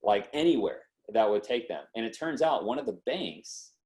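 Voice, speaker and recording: At a normal speed and in a mid-range voice, a man in his twenties tells a podcast audience his story. He keeps it casual and slangy, animatedly acting out other people's words.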